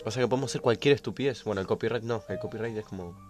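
A young Argentine man in a relaxed podcast chat, speaking hesitantly. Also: lowish voice, very fast, soft background music. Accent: Argentine Spanish. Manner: relaxed, hesitant, uses fillers.

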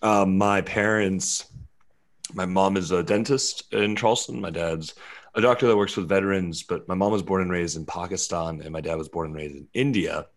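A young filmmaker and actor from West Virginia, USA, talks casually as an interview guest, rambling and correcting himself with many fillers and restarts. His low-pitched voice has fairly even intonation at a normal speed.

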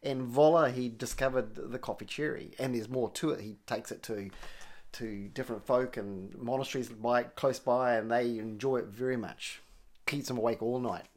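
A man's voice: mid-range voice, steady tone, normal speed, a little mellow. A man with a New Zealand accent tinged with American, telling coffee history in a meandering, self-correcting way during a casual chat. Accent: New Zealand with some American. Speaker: coffee storyteller.

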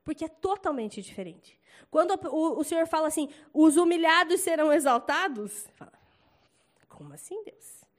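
Young brazilian woman telling a church story, high voice, chatty and animated, brazilian accent. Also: a little fast. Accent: Brazilian Portuguese. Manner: chatty, animated storytelling with loud acted quotes. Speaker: church member giving a testimony. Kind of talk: casual testimony talk.

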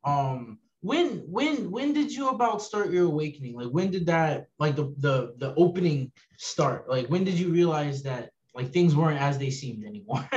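A man hosting a casual podcast, talking in a halting way with many fillers and restarts. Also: a little high, expressive, darkish tone, lo-fi sound. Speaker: podcast host.

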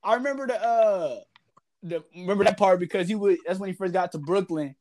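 A man's voice: high-pitched, a little fast. A man co-hosting a casual podcast chat, slangy and laughing often. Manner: loud laughing, slangy, animated. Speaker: podcast co-host.

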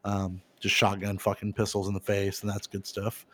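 A man in his thirties co-hosting a casual podcast, laid-back and profane, who gets loud and animated when retelling funny scenes. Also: lowish voice, normal speed. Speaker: podcast co-host. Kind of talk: casual chat.

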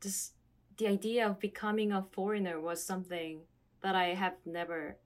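In a flat, mid-range voice, a young South Korean woman whose native language is Korean reflects casually with a conversation partner. She speaks haltingly, hunting for words and frequently using "like."

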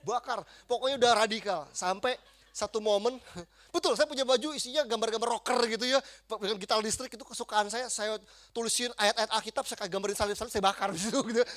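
A man giving a lively testimony as a preacher, acting out quotes and swinging between loud bursts and hushed passages. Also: high voice, quick pace.

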